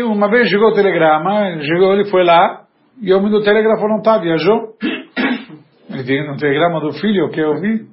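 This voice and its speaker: A man teaching a religious sermon, telling a joke-like story and asking the audience questions along the way. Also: high voice. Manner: tells jokes and acts out dialogue. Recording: dull lo-fi recording.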